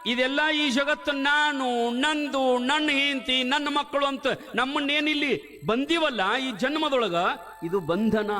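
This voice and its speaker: A male preacher delivers a sermon full of stories and rhetorical questions. His voice is strikingly high for a man. He repeats key phrases for emphasis, and faint music plays behind him. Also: a bit bright. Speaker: spiritual preacher.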